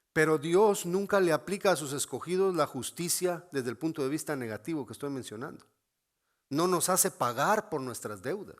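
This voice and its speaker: A man preaching a sermon in an earnest, emphatic way, repeating phrases and restarting words as he explains. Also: fairly high pitch. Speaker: pastor.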